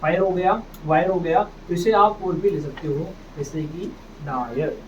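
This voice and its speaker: Teaching phonics to a class, this man repeats every English word, prompts the students to echo it, and calls them "beta." He speaks unhurriedly in a fairly high, slightly mellow voice, captured in a distant, dull, noisy classroom recording.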